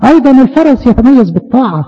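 A man with an Egyptian Arabic accent preaching a fervent sermon, asking his listeners questions and slowing down to quote scripture. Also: very high voice, big pitch swings, husky, long reverb tail, muffled recording.

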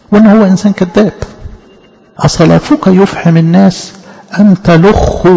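A man with an Egyptian Arabic accent teaching scripture in an emphatic sermon, asking rhetorical questions and reading verses slowly. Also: on the high side, vocal fry, warm tone. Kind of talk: Bible study sermon. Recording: reverberant hall, dull lo-fi sound.

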